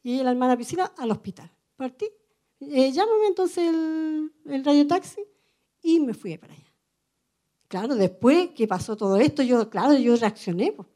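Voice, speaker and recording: High-voiced Chilean woman preaching. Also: expressive, moderate pace, mellow. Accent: Chilean Spanish. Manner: earnest, conversational, often adds "amen", tells personal stories. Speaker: preacher at a women's meeting. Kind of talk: sermon.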